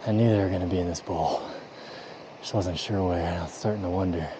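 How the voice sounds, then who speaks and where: A man's voice: low voice, fast. A man filming himself while hiking in the mountains, often whispering and out of breath from the climb. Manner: often whispering to avoid spooking game. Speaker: hunter filming a scouting trip. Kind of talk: hushed hiking vlog narration. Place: outdoors in mountain terrain. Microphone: camera mic carried while hiking. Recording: loud wind and outdoor noise on camera mic. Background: loud outdoor ambience.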